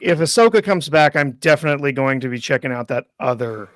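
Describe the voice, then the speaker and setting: A man's voice: medium pitch, expressive, fast talker, a bit bright, no echo, studio quality. A man joining a livestream as a new guest, chatting eagerly. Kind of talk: casual chat.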